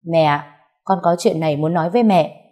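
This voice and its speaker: A woman reading plays an earnest young husband, measured and firm as he pleads his case. The voice stays low-set and mellow, close to the reader's own tone. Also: close to an everyday voice.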